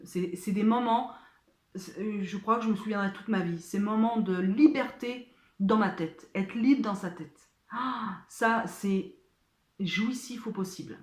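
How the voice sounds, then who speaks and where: A woman chatting casually as she answers viewer questions, hesitant, with many fillers and restarts. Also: medium pitch. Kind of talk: casual chat. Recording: echoey room.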